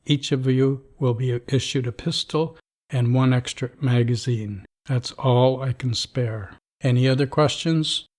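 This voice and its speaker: In an audio drama, a man plays a middle-aged vault overseer who is stern, dry, dismissive, and devoted to the rules. At an ordinary pitch and a slightly slow pace, he issues orders in a flat, bureaucratic tone, with only light acting.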